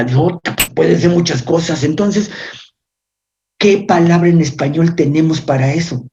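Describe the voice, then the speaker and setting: A man's voice: on the high side, a little mellow, slightly rough. A man giving a university physiology lecture, explaining step by step and often checking in with his students. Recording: dull lo-fi lecture recording.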